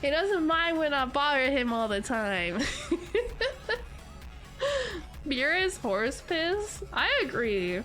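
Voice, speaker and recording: A young woman streamer speaks slowly with long pauses, her high-pitched, sharp-toned voice swinging widely in pitch as faint music plays behind her. Congested from allergies, she reads comments in a casual chat with viewers, giggly and rambling and full of "like"s.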